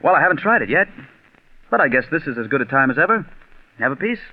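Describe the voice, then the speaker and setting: In a 1940s radio mystery, an American-accented actor narrates in the first person and plays the lead, a coldly scheming, vengeful radio scriptwriter turned murderer. His male voice is on the high side and very animated, yet he speaks deliberately with a falsely polite mood. The recording is tinny vintage radio with music behind him.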